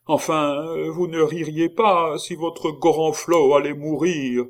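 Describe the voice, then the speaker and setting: Un homme qui fait la voix d'un gros moine terrifié, qui supplie en gémissant d'une voix haute et traînante. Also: male voice, steady tone. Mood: anxious. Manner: high wailing pleas, slowed and drawn out. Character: fat terrified male monk, pleading and whining.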